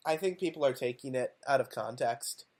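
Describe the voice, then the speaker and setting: A man's voice: mid-range voice, a little fast, a little mellow. A man co-hosting a podcast in casual chat, hesitant and full of ums and you-knows. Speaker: podcast co-host.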